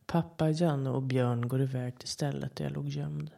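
A podcast storyteller reading a first-person horror story in a calm, measured way. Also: medium pitch, creaky. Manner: calm, measured storytelling with short quoted voices. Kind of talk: scripted horror narration.

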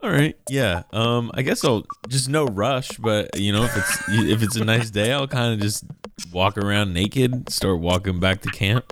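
A man's voice: fairly low pitch, a little slow, noisy background. A man playing a tabletop game, laughing, swearing and joking as he describes what his character does. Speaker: player. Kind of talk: casual tabletop play.

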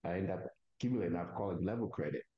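A man's voice: sits low, racing, dull audio, a crowd in the background. A man from Togo with a Togolese accent, a native Kabiye speaker, telling his story conversationally as an interview guest and often restarting his phrases.

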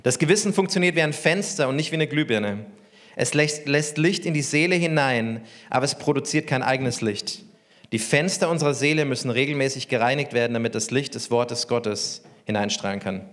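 A man's voice: mid-range voice, brisk, a bit bright. A man preaching a sermon as pastor, talking conversationally and asking the congregation questions.

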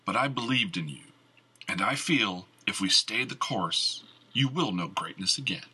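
Man voicing a gruff rustic squire. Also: lowish voice, expressive, moderate pace, pushed and bright, heavily acted, poor audio. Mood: earnest. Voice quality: rough, blunt country speech. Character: gruff loyal older male squire, rustic. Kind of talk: audiobook character reading.

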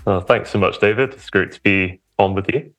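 A man's voice: lowish voice, a little fast, a bit bright, soft background music. A young man, a church minister, telling his personal story conversationally as a podcast guest, hesitant and often correcting himself. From England, Romford in Essex on the edge of London. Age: young adult.

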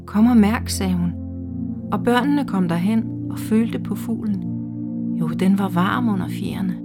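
A woman reading a literary short story aloud in a slow, hushed, measured way. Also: mid-range voice. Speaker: reader. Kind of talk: scripted literary narration. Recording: faint music underneath.

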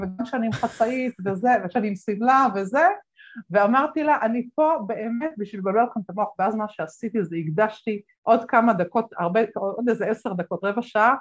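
A woman guest telling stories in an interview, animated, acting out the voices of people she quotes, with many fillers. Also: fairly high pitch, dull audio. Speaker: guest speaker. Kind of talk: conversational interview storytelling.

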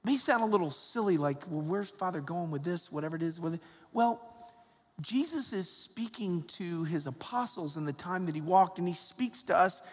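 A man with a fairly high voice and an American accent speaks as a priest at Mass. His words ring through a big church with long, cathedral-like echo. The delivery is that of a sermon, plain and addressed to a congregation. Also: lively intonation, moderate pace, slightly rough. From Georgia, United States. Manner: conversational, folksy, often tags phrases with "right?" and "okay?". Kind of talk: sermon and Gospel reading at Mass. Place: large reverberant church interior. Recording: echoing church hall, long cathedral-like reverb.

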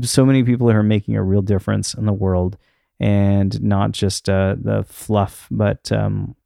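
A man's voice: on the low side, mellow, clear, resonant tone, no echo, clean studio sound. A man hosting a podcast in a casual, unscripted solo talk, rambling and hesitant as he thinks aloud. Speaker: podcast host. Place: untreated room in his house.

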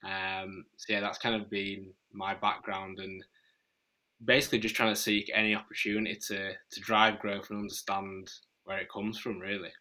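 A man with a Northern English accent, answering podcast interview questions in a measured, explanatory way with frequent fillers. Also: fairly low pitch, level tone, pushed and bright, poor audio. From Northern England. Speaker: podcast guest, marketing chief.

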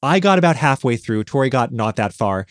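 A man's voice: medium pitch, expressive, brisk, no echo, clean studio sound. A man co-hosting a podcast, riffing sarcastically and sounding exasperated in a casual chat. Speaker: podcast co-host.

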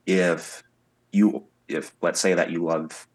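Man, very low voice, husky, casual interview guest, chatty anecdotes. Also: steady tone, slow pace. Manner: chatty storyteller, acts out quoted people. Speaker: singer-songwriter guest. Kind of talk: casual podcast interview chat.

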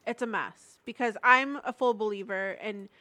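A woman's voice: mid-range voice, moderate pace, bright, forceful tone. A woman in her late thirties co-hosting a podcast, chatty and upbeat. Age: 30s. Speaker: podcast co-host. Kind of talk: casual chat.

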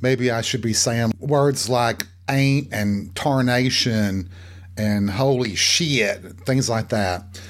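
A man of middle pitch hosts his own show, talking on his own in a chatty, campy way. He breaks off into cheeky self-mocking asides as he goes. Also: slow. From American South. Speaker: podcast host. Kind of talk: solo comedic monologue.

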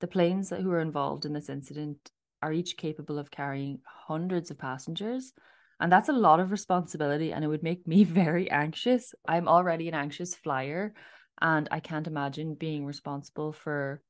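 A woman's voice: deep voice, moderate pace. A woman with an Irish accent, co-hosting a podcast in casual chat, often laughing. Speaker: podcast co-host.

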